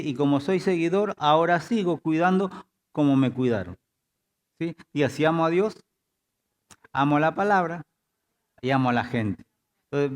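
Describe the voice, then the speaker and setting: A man's voice: a little high, a little mellow. A male pastor preaching a sermon in church, often prompting the congregation with "diga" and checking in with "¿sí?". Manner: repeats "diga" and "¿sí?" to engage the congregation.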